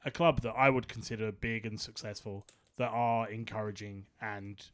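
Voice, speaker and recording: A man's voice: fairly low pitch, steady tone, normal speed, slight background noise. A man co-hosting a podcast, interviewing a guest in an encouraging, affirming way. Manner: encouraging, affirming, lots of "yeah". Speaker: podcast co-host.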